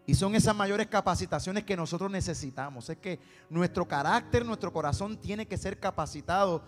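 A man's voice: sits high, normal speed. A man with a Puerto Rican accent preaching a sermon as a personal testimony, telling his story and acting out the dialogue. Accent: Puerto Rican Spanish. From Puerto Rico. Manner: storytelling, acts out dialogue, repeats words for emphasis. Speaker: preacher and singer. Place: church sanctuary. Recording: long hall reverb with faint music.

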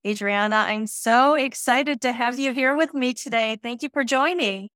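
A woman's voice: fairly high pitch, normal speed, fairly bright tone, smooth, dry recording, clean studio sound. A woman from Romania hosting a podcast, encouraging her guest with a friendly manner. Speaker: podcast host. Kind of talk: casual interview talk.

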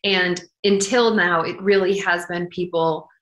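A woman's voice: lowish voice, fairly even intonation, measured pace, fairly bright tone, a little hiss or hum. Woman talking startup jargon, roomy echo. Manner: candid tech-founder talk full of startup jargon. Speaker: startup founder and CEO being interviewed. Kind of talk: conversational interview. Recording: roomy, echoing sound.

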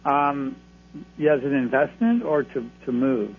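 Creaky-voiced man advising over a tinny phone. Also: medium pitch, unhurried. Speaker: card-reading astrologer, radio guest. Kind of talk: conversational advice to callers. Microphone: telephone. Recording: thin phone line, humming noise.

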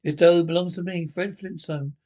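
A blustering cartoon caveman husband, stubborn and sure of himself. He talks loud and gruff, with a voice pitched a little high for a man. His manner is boastful and short-tempered. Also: steady tone, normal speed. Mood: indignant. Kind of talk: cartoon voice acting.

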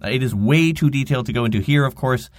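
A man's voice: medium pitch, quick pace, no room sound. A man hosting a daily digital marketing news podcast, reading the stories with wry, dry asides. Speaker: podcast host.

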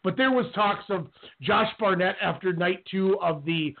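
A man's voice: sits high, normal speed, vocal fry. A man co-hosting a wrestling podcast, ranting in heated casual talk. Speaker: podcast co-host. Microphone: call-in radio line. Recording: tinny phone-line audio.

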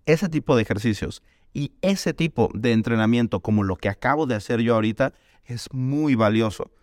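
A man's voice: medium pitch, normal speed, a little mellow, no echo, clean studio sound. A man teaching a Dalcroze music lesson, explaining exercises and chanting rhythm syllables to demonstrate.

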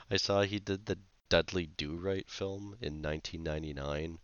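A man's voice: low voice, unhurried, a bit bright, dry recording, lo-fi sound. A man co-hosting a podcast, chatting casually about a film in a hesitant, critical way with many fillers. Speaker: podcast co-host. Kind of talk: casual film review chat.

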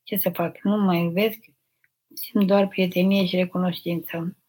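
An older woman, an abbess, reading out viewers' questions and answering them in a gentle, motherly, unhurried way during a live spiritual question session. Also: lowish voice, level tone, husky. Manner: gentle, motherly, unhurried, addresses listeners tenderly. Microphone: live stream microphone.

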